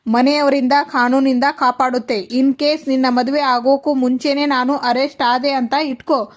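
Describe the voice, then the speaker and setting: A woman reading a scheming high-voiced mother. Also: flat delivery, unhurried. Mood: confiding. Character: scheming middle-aged mother, unrepentant plotter.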